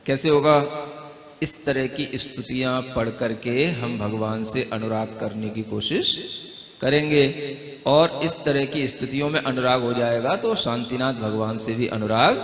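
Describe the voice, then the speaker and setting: In a mid-range, fairly bright voice, a Jain monk teaches a group to pronounce verses during a devotional discourse, demonstrating them slowly. He stays conversational, repeatedly asking "है ना?" to check on listeners. The gathering fills a large hall, and the audio carries long, echoing reverb.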